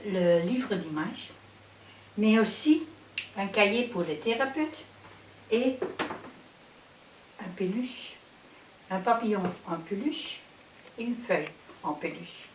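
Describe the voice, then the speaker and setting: Slow-speaking woman with a Flemish Dutch accent. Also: mid-range voice. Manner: halting, careful non-native phrasing with pauses. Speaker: psychotherapist trainer and presenter. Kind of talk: instructional video introduction. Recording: roomy, distant microphone with faint hiss.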